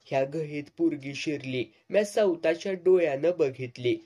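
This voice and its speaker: A cheeky, eager young village man in a storybook reading, put on by a male narrator. His rustic speech runs keen and boastful, pitched a touch high. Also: normal speed, dark tone, close to an everyday voice.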